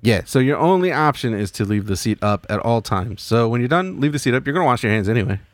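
A man's voice: medium pitch, lively intonation, quick pace, no room sound. A man co-hosts a podcast in loose, casual chat. His voice sits in a middle register and is recorded dry and close. He riffs with playful, mock-serious rants. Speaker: podcast co-host.

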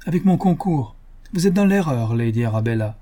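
A man's voice: mid-range voice, expressive, brisk, dark tone, natural voice. A man voicing a stubborn, principled older country doctor who speaks in a firm, indignant, emphatic way, in an audiobook.

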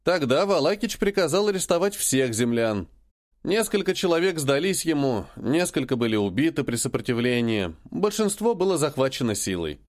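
A man voicing a stern alien rebel leader who speaks in a cold, grim, measured way. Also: a little high, sing-song.

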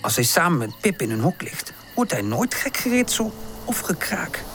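A woman reading a children's storybook aloud with gentle, expressive narration. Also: fairly low pitch, normal speed, over music. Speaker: audiobook narrator.

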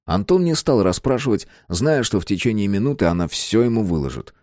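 A man with a low voice narrates an audiobook in a measured, storytelling way. The recording is dry and close, with no room echo at all. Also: very animated, a little mellow. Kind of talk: scripted narration.

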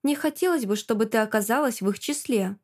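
A woman's voice: a little high, natural voice. Woman reading a curt, domineering man. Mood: commanding. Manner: slow, flat, commanding.

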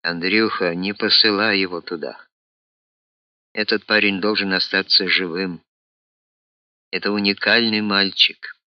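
A man's voice: low voice, steady tone, a little slow, long pauses, no room sound, highs cut off. A man voicing a middle-aged professor and doctor with a wry, teasing, mildly scolding manner. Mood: pleading.

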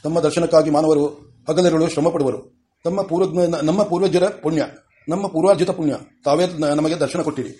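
A man's voice: on the high side, fairly even intonation, brisk, warm tone, natural voice. A man reading as a dignified, humble king. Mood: courteous. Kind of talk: audiobook reading of a novel.

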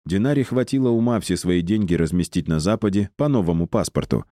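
A man narrating an audiobook in a measured, even reading. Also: low-pitched, dry recording, clean studio sound. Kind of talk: scripted narration.

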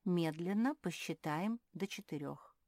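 Fields: Sex: woman. Role: calm storybook narrator. Pitch: low. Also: a little slow, dry recording, studio quality. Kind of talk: storybook reading.

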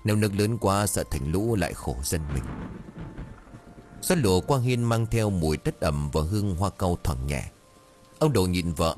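A man's voice: low-pitched, a little mellow. A man narrating a dramatic audiobook story.

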